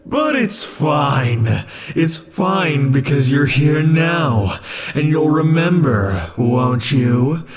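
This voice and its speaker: In an ASMR roleplay, a man with a voice on the high side plays an obsessive, possessive immortal lover, speaking softly and slowly with dark chuckles. His mood is tender yet menacing, moving between tenderness and threats.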